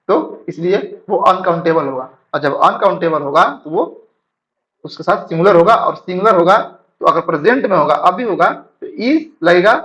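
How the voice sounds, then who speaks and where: A man teaching English grammar in Hindi, reading sentences slowly and checking his students follow. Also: fairly high pitch, pushed and bright. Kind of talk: classroom-style grammar lesson. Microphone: writing on a board while talking. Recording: dull lo-fi sound.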